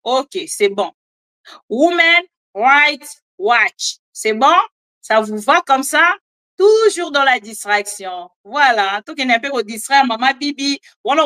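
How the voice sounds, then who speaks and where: A woman with a Congolese French accent giving animated, chatty political commentary and joking asides to her viewers. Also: high-pitched. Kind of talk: casual live commentary, French mixed with Lingala.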